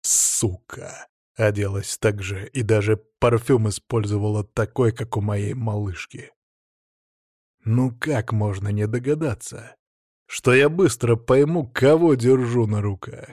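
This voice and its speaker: A man reading first-person audiobook narration in a calm, measured, menacing manner. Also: fairly low pitch, no echo, clean studio sound.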